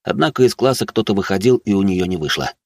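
A man narrating a first-person fantasy audiobook in a low-key, wry way. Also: lively intonation, fast, gravelly, a little mellow, no room sound.

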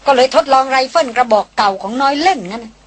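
A woman's voice: high voice, fast talker, voice pushed up. Woman doing a curt, guarded young sister. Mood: offhand. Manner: flat, offhand apologies.

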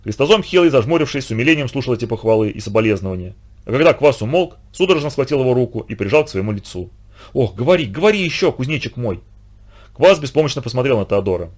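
A man narrating a children's adventure novel in an expressive storytelling manner. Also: mid-range voice, racing. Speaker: audiobook reader.

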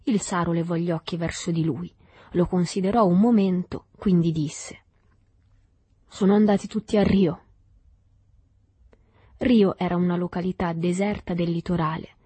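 A woman narrating a literary audiobook in a calm, measured reading. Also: lowish voice, husky, dry recording. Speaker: audiobook reader.

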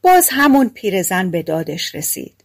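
A woman's voice: medium pitch, sing-song, vocal fry, no room sound. A woman narrating a fairy tale for an audiobook, reading expressively and giving each character a voice. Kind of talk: storybook narration.

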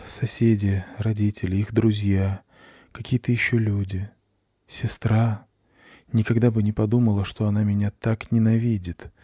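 A man reading the lines of a tormented teenage girl in an audiobook, in a quiet, dull, weary voice. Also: fairly low pitch, breathy edge, no echo, clean studio sound. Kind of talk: audiobook narration.

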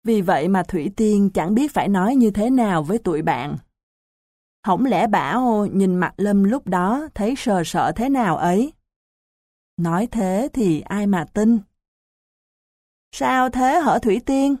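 A woman reading a children's novel aloud as a storybook narrator, in an unhurried, even reading manner. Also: medium pitch, dry recording, clean studio sound. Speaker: audiobook narrator.

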